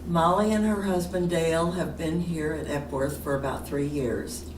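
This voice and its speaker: A woman's voice: deep voice, fairly even intonation, normal speed. An older woman interviewing a neighbor at her retirement community, asking friendly prompting questions. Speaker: interviewer, fellow resident. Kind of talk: oral history interview. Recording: roomy, distant mic with background noise.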